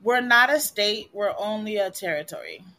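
A Puerto Rican woman hosts a live online show, chatting casually and rambling in an animated way while laughing often. Her voice is medium-pitched at a moderate pace, with loud music playing behind it.

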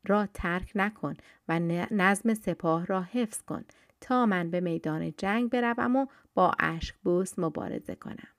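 A woman voicing a mighty, mocking male hero warrior in a told story, in a low, even storybook voice. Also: no echo, clean studio sound, natural voice. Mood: stern.

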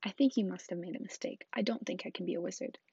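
A woman reading aloud, voicing a timid young boy wizard who speaks quietly and unsure. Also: lowish voice, fast, vocal fry, dull audio, noisy background.

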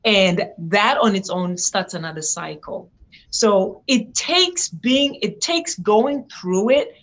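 A woman's voice: mid-range voice, expressive, takes it slowly, fairly bright tone. A young woman from Zimbabwe, a guest in an interview, telling her story in an earnest, reflective way. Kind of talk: interview conversation.

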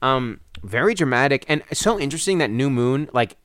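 A man's voice: mid-range voice, expressive, fairly quick, a bit bright, clean tone, no room sound, clean studio sound. A young man hosting a casual chat, talking dramatically, laughing often, and saying "like" a lot. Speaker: podcast host.

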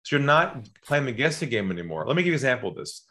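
A man who is a sales trainer on a podcast, telling stories and acting out phone calls, dropping to a calm low voice and jumping to excited high bursts. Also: racing. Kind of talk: podcast conversation, storytelling.

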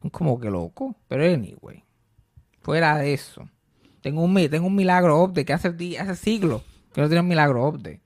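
A man with a Puerto Rican accent chatting casually on a podcast, animated and swearing freely, slipping English into his Spanish. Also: on the high side, normal speed. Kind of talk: casual chat.

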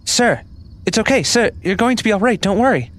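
Man playing an anxious high-voiced schoolboy. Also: expressive, brisk, fairly bright tone. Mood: anxious, reassuring. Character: anxious, reassuring teenage schoolboy helping his headmaster. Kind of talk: dramatic reading from a fantasy novel.

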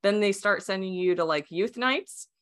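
Speaking at a normal speed in a mid-range, fairly bright voice, a young adult woman from the US whose native tongue is Romanian guests on a podcast for a casual interview. She rambles freely, restarting sentences, using many fillers and laughing a lot.

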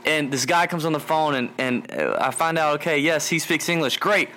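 A man in casual chat, hosting his show. His tone is bright and a little tense. He tells his story with lots of animation and laughter, over a faint layer of noise. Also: on the high side, normal speed. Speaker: podcast host.

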